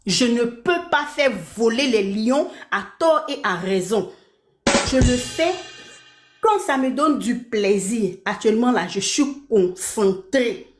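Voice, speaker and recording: A woman's voice: fairly high pitch, animated, takes it slowly, faint music behind. Indignant woman ranting in an echoey room. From Belgium. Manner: indignant, repeats her points, asks "d'accord?". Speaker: live streamer. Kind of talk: heated live-stream rant. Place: her apartment.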